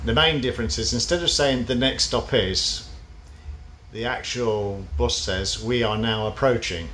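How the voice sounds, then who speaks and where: A man's voice: mid-range voice, a little slow, a bit bright. A man giving a casual, explanatory vlog commentary from inside a parked bus. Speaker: bus enthusiast presenting a video. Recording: noisy vehicle ambience.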